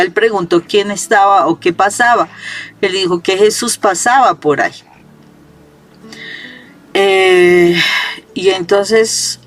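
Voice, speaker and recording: A woman reading a gospel passage and preaching a homily, emphatic and repetitive, asking rhetorical questions. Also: lowish voice. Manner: slow, emphatic, repeats phrases and asks rhetorical questions.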